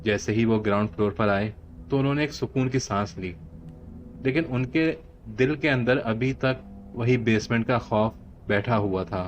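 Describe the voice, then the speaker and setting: A man with a Pakistani Urdu accent narrating a horror story in a steady storytelling voice. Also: medium pitch, normal speed. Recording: dull lo-fi audio with faint hiss.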